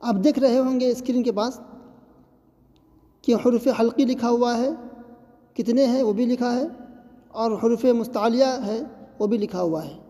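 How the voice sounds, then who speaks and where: A woman's voice: a little high, dark tone, big-room sound. A woman teaching a tajweed lesson, explaining patiently and reassuringly, and drawing out each letter sound as she demonstrates it. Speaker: Quran recitation teacher.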